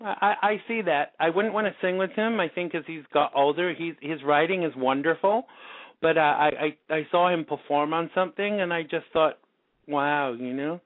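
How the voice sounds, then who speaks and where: A male podcast host chats casually in an interview, talkative, self-deprecating and quick to laugh. His slightly high voice moves at normal speed with no echo, coming through a call-in radio show line with a tinny phone-line sound.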